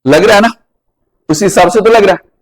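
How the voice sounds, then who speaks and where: Male teacher, high-ish voice, Rajasthani Hindi accent, classroom, quizzing and drilling pronunciation. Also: fairly quick, rough recording. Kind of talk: classroom lesson with questions to students.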